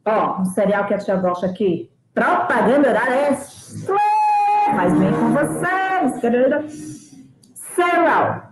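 A woman from Brazil, an English teacher in a live online lesson for children, slowly repeating words for them to copy and calling herself auntie. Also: a little high, expressive, reverberant, noisy background. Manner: slow, drawn-out repetition of words for children to copy; calls herself auntie and reads out viewers' names. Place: home kitchen.

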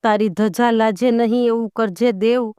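A woman voicing a calm, fearless warrior king who speaks in a commanding way in a folk tale. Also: fairly high pitch, normal speed, clear, resonant tone, dry recording, clean studio sound, close to an everyday voice.

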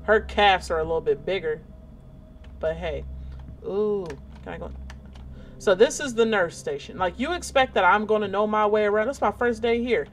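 A woman gaming streamer talks through a horror game in casual let's-play commentary. She reacts aloud and chats in her own everyday mid-pitched voice. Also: moderate pace, a little hiss or hum.

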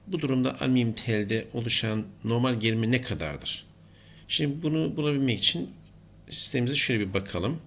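A man's voice: mid-range voice, brisk, fairly bright tone, a little hiss or hum. A middle-aged man giving an engineering lesson, explaining steadily and thinking aloud as he writes. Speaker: engineering lecturer. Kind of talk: whiteboard lesson.

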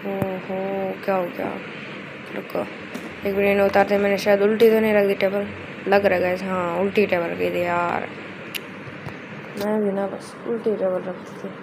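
A woman's voice: mid-range voice, normal speed, long pauses. A woman hosting a gameplay video, giving chatty, casual commentary as she plays and often addressing her viewers as guys. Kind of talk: casual let's-play commentary. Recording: steady background noise.

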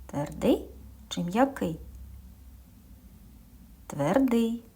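Woman, kindergarten teacher; slow, patient, slightly husky, quizzes the children and answers herself. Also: on the high side, lively intonation, dark tone. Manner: slow, patient, asking and answering her own questions, drops into whispers. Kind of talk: speech lesson for young children.

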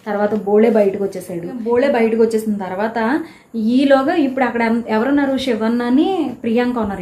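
A woman giving a casual, animated recap of a reality show episode, telling who quarreled with whom. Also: fairly high pitch. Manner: chatty, animated retelling of quarrels. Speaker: show reviewer. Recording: echoey room.

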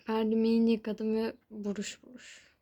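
A woman's voice: on the high side, completely flat delivery, moderate pace, warm tone, rough recording. A young woman vlogging from her bedroom, ranting in an exasperated, complaining way about studying for her exams. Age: young adult. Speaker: exam student vlogger. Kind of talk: casual vlog rant. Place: bedroom at home.

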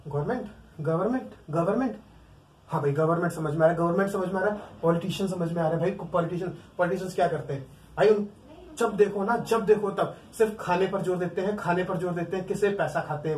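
High-voiced Indian man teaching in an echoey room. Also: fairly even intonation, fast, darkish tone, a little hiss or hum. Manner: repetitive, drills words aloud, asks the class questions. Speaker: vocabulary teacher. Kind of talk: exam-prep vocabulary lesson. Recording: echoey room, mic at a distance.

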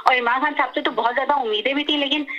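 A woman's voice: high-pitched, fairly even intonation, racing, over a noisy crowd. A woman, phoning in to a talk show and complaining earnestly about hard times. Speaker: caller. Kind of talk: phone-in opinion. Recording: muffled phone line.

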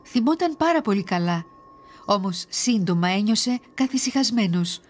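A woman giving steady, measured scripted narration for a children's series on ancient myths. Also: medium pitch, slight background noise.

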